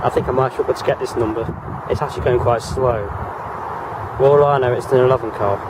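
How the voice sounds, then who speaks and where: A man giving a casual, halting running commentary as a trainspotting vlogger, correcting himself as he goes. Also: fairly even intonation. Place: outdoor railway station platform. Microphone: handheld camera or phone. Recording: very noisy outdoor station platform. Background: trains and traffic rumble.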